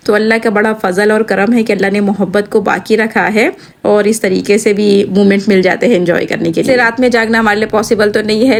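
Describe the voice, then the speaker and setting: A middle-aged woman tells her family's story as a vlog, chatty and devout. Her voice sits at an ordinary pitch for a woman. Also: vocal fry, slight background noise. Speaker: vlogger. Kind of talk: casual family vlog narration.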